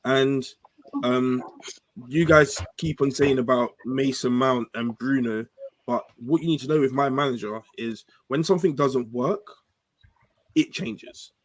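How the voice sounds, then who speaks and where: A man's voice: mid-range voice, unhurried, no room sound, low-quality recording. Dry-sounding man giving football opinions. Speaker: football show panellist. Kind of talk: casual sports opinion.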